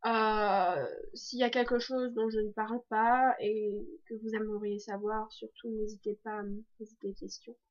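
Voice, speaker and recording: A woman's voice: mid-range voice, flat delivery, normal speed, few pauses. A teenage girl from France talking casually to camera in a video diary, chatty with many fillers and restarts. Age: teens. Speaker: exchange student vlogger. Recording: dull lo-fi sound.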